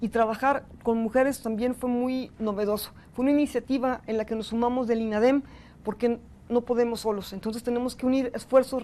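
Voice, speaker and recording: A woman's voice: a little high, dark tone. A woman with a Mexican accent giving a university lecture and thanking participants earnestly. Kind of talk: university lecture with audience feedback.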